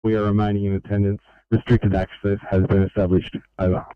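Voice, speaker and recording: An Australian emergency crewman reports over a two-way radio in measured, formal call-and-response phrasing. His smooth, clear voice sits close and dry on the handset, though the scanner audio is muffled and narrow. His pitch is about average for a man. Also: flat delivery, dry recording. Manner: clipped, slow, formal radio procedure. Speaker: emergency crew radio operator. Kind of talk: radio dispatch traffic. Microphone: handheld two-way radio.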